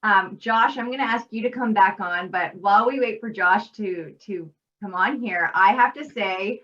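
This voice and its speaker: Woman, bright voice, chatty host, distant muffled call audio. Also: medium pitch, moderate pace. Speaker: event host. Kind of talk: casual chat.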